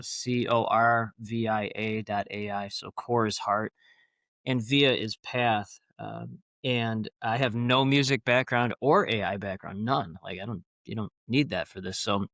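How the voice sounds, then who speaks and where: A man's voice: mid-range voice, fairly bright tone, no room sound, clean studio sound. A man talking as a podcast guest, rambling and enthusiastic, with many fillers and restarts. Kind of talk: casual interview talk.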